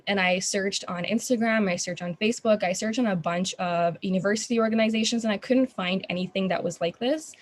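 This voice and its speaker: A young adult woman from Qatar, a student founder answering interview questions in an earnest, chatty way with frequent ums. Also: medium pitch. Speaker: guest, student founder of an organization.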